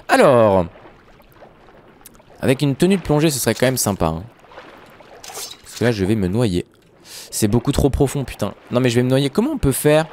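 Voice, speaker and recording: A young man chatting excitedly to his viewers while commenting on his own gameplay. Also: medium pitch, slight background noise. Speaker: gaming YouTuber. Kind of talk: Minecraft let's play commentary.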